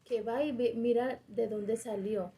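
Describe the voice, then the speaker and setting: A woman's voice: a little high, fairly even intonation, a little slow, warm tone. A woman in a church congregation, speaking up during the sermon and quoting scripture from memory, heard from off-mic.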